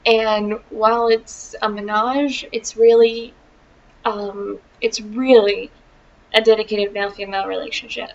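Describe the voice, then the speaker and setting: A woman giving a casual, chatty book review, wry and full of asides and ums. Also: mid-range voice. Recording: dull lo-fi sound with faint noise.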